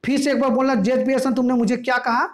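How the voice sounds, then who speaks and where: A male teacher voicing a stern, domineering mother who scolds her family in a sharp, raised voice. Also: a little high, brisk, close to an everyday voice. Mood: scolding.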